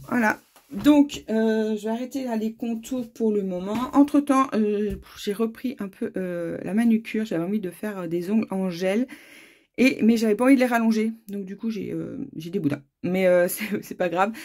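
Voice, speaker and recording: Breathy, rambling woman vlogger. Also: mid-range voice, a little mellow. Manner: chatty, rambling, many hesitations. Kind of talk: casual chat.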